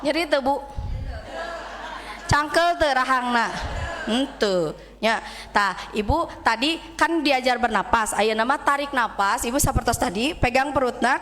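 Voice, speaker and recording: Sundanese-accented woman speaking coach, bright high voice, teasing and lively in a reverberant hall. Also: slight background noise. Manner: lively, playful, leads vowel drills and jokes with the audience. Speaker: public speaking trainer. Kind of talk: teaching a women's study group.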